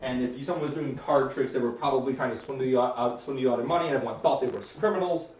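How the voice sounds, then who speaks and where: A man's voice: mid-range voice, rapid-fire, a little mellow. A man performing as a stage magician at a fair, telling stories in a chatty way with many fillers and restarts. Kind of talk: live storytelling performance. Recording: echoey, distant mic, faint ambience.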